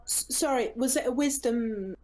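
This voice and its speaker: A woman's voice: fairly high pitch, moderate pace, darkish tone. A woman playing in a tabletop game session, a bit hesitant and apologetic. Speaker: player. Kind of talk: casual chat during a tabletop game.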